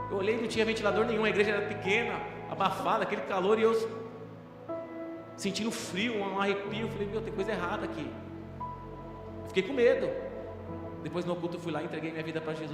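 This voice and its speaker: A young male pastor from Brazil, preaching a sermon with rising intensity and dramatic pauses, recorded in a small church hall. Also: sits high. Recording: echoey church hall with music behind.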